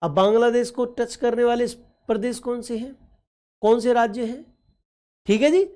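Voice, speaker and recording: A woman's voice: a little high, normal speed, warm tone. A woman teaching an exam-prep geography class over a map, fondly calling her students children and quizzing them with repeated questions and frequent okay checks. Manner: affectionate, addresses students as children.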